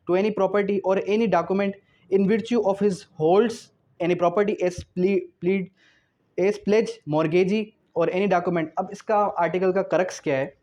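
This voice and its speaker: In a high-pitched voice with a darkish tone, a man delivers a didactic law lecture, asking questions and answering them himself as he alternates between reading clauses aloud and explaining them. The recording sounds dull and lo-fi.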